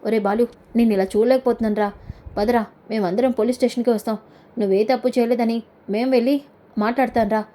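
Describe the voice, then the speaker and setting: Storybook role: a loyal, earnest friend, read by a woman narrator with a mellow tone. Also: a little high, fairly even intonation, fast, close to an everyday voice. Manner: earnest, coaxing.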